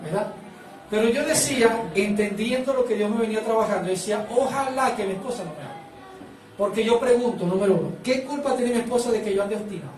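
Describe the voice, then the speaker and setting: A man's voice: high voice, fast talker, darkish tone, reverberant, recorded from a distance, low-quality recording. A man preaching a sermon as pastor, prompting the congregation to repeat phrases back to him.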